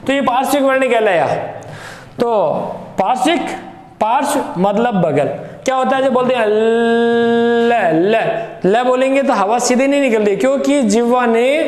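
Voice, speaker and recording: A man teaching Hindi grammar for exam preparation, slowly and emphatically, repeating key terms. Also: extremely high pitch. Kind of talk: exam-prep grammar lesson. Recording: echoey room with long reverb.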